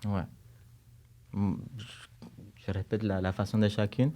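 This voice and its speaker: Cuban-accented man, non-native speaker, lowish mellow voice, reflective and hesitant. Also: little pitch movement, unhurried. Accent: Cuban Spanish. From Cuba. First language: Spanish. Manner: thoughtful, searching for words with frequent restarts. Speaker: guest composer and choir director. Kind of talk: casual interview conversation. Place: recording studio.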